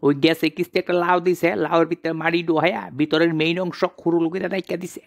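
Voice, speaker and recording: A man's voice: a little high, level tone, fast. A man in a rustic comedy sketch, chattering and fretting as he schemes. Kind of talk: rustic comic monologue.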